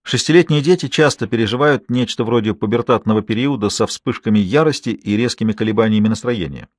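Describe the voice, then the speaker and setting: A man's voice: medium pitch, quick pace, no room sound. Male audiobook narrator, dry close sound. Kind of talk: scripted narration.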